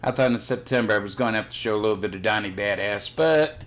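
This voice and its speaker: A man's voice: on the low side, fast, fairly bright tone. An older man chatting casually on his own livestream, blunt and rambling, swearing freely. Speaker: livestream host. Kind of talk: casual chat.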